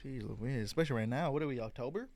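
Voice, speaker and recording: A young man co-hosting a casual chat, slangy and animated, acting out voices in his stories. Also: mid-range voice, very fast, a little hiss or hum. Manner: animated storyteller, slangy, acts out quotes. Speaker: co-host.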